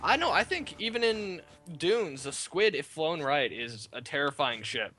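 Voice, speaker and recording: An American man chatting casually on a game stream, talkative and quick to laugh. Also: fairly high pitch, animated, sharp tone, faint music behind. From United States.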